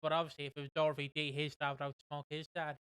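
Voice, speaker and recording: A man hosting a casual podcast in a bright, crisp voice that sits a little high. He rambles freely, piling up fillers and restarts, and the sound is close and dry. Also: little pitch movement, fast, no room sound. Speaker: podcast host.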